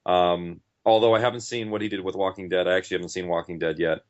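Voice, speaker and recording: A man with a low voice and fairly even intonation talks quickly as an interview guest, casual, rambling and enthusiastic. He is a podcast writer and director. The audio is dull and lo-fi.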